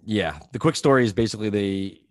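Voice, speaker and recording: A man from New Brunswick, Canada, hosting a podcast in a relaxed, rambling chat over a video call, with lots of fillers. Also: on the low side, brisk, no echo, clean studio sound. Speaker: podcast host.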